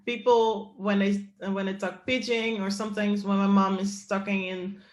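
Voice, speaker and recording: A Dutch woman who co-founded a company chats as a guest in a casual interview, laughing as she tells lively stories. Her mid-range voice moves at normal speed, and the recording carries a roomy echo.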